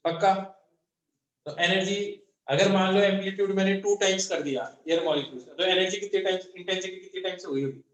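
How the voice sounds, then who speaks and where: A high-pitched male physics teacher lectures a class. He fires question after question and answers each one himself. The echoey classroom rings around his voice. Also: quick pace, a bit bright.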